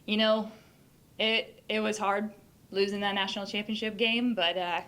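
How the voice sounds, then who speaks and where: A young woman gives a hall of fame acceptance speech in a medium-pitched voice. Her delivery has the polish of a trained presenter, and her voice leaps upward whenever she gets excited. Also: moderate pace, clear, resonant tone. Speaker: hall of fame inductee, former player.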